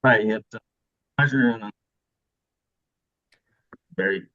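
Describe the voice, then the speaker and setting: A man with a lowish, sharp-toned voice calls in slowly, asking a guest a casual, hesitant question packed with ums and likes. His call signal keeps breaking up, and the line sounds muffled and lo-fi.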